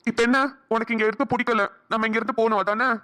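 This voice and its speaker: A woman doing a kind cartoon young man, soothing, fairly high voice, earnest. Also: steady tone, fast talker, sharp tone. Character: caring young man Karthik, gentle supportive friend. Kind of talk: cartoon drama voice acting.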